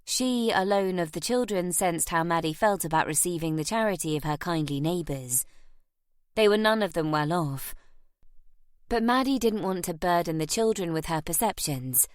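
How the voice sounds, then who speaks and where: Woman reading an audiobook, lowish voice, dry close sound. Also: expressive, moderate pace, clean tone, no room sound. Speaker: audiobook narrator. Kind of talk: scripted romance narration.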